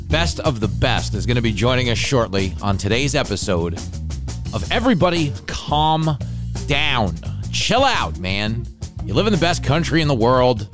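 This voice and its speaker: A sardonic middle-aged man hosts a podcast in a loose comedic monologue, sitting at a middle pitch. His rant swings between loud outbursts and low mutters. Faint music hums underneath. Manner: animated, ranting, sardonic. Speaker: podcast host.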